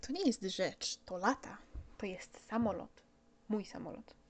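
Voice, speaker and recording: A woman's voice: medium pitch, lively intonation, unhurried. A woman voicing a grown man, a proud and patient pilot, explaining plainly.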